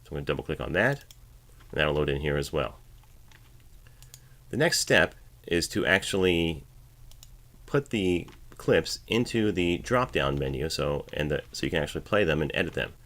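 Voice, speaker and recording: A bass-voiced man, expressive and a bit bright, speaks at normal speed. As a voiceover artist, he narrates an instructional screencast informally from the editing station of his home studio, explaining every step.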